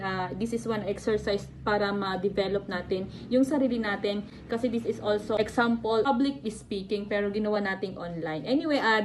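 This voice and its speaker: A woman's voice: on the high side, a little hiss or hum, rough recording. A young Filipino woman with a Filipino accent, giving a class report online, explaining step by step and switching between Tagalog and English. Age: young adult. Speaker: student presenter. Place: at home on an online class call.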